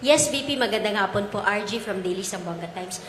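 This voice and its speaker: A woman's voice: medium pitch, brisk, a bit bright. A woman reporter with a Filipino accent politely asking a question, with frequent fillers. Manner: polite, many po and filler words. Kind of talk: press question. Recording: echoey hall with faint noise.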